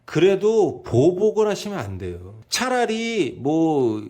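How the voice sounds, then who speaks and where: A man giving a driving lesson, talking in an animated way and asking the listener rhetorical questions. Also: on the high side, slow. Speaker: driving instructor.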